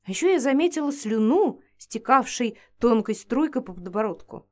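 A woman narrating a first-person fantasy story with a playful, ironic touch. Her voice sits fairly high and moves animatedly through each line. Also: animated, normal speed, a little mellow. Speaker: audiobook narrator.

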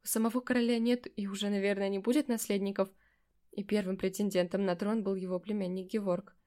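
A woman narrating a first-person fantasy audiobook in an expressive, emotional reading. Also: mid-range voice, fast.

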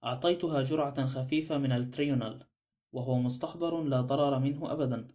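A man's voice: medium pitch, quick pace, dark tone, close to an everyday voice. A man reading a curt, touchy doctor. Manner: curt, cold. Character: touchy, cold male doctor.

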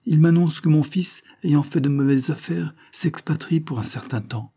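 A man voicing an elderly lady, a reserved and worried mother, speaking in a soft, restrained half-voice. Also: a little high, normal speed, slightly rough, voice pushed up.

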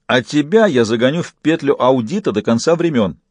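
A man voicing a menacing, triumphant man who has made himself a god, loud and gloating. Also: mid-range voice, lively intonation, a little fast, dry recording, natural voice. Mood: boastful.

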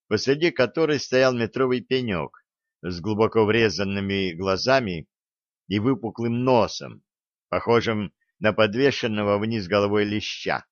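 A man narrating an audiobook in an even, wry storytelling manner. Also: lowish voice, no echo, lo-fi sound. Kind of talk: scripted narration.

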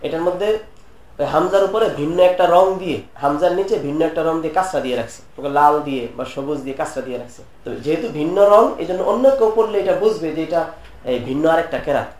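Man teacher, high-pitched, lecturing a class, repeats points and quizzes listeners, roomy echo. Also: lively intonation, quick pace, darkish tone. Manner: explains term by term, repeats points, asks students questions. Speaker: teacher of Quran commentary. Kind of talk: classroom lecture explaining a text.

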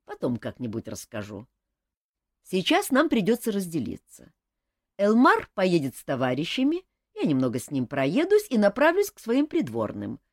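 A woman reading an audiobook, voicing a calm young king who teases with dry humor. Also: fairly low pitch, normal speed, no room sound, exaggerated voice. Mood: teasing. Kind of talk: audiobook character voice.

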